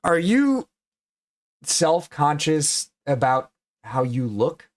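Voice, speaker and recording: A man with a slightly high, very animated voice speaks extremely slowly. He's hosting a livestream, chatting casually and bluntly teasing his guest with plenty of swearing.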